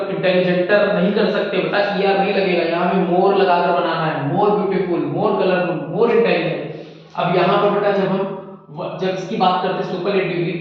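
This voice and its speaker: A male English teacher explaining grammar to students in a classroom, calling them "beta" and repeating words slowly. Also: high-pitched. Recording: echoey room, distant mic, dull sound.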